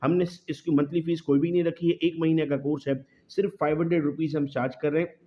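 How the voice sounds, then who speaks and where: A man giving a video lecture on English grammar mistakes. He calls his students "beta" and slows down to read example sentences word by word. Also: on the high side, steady tone. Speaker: English teacher. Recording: slightly dull lo-fi audio.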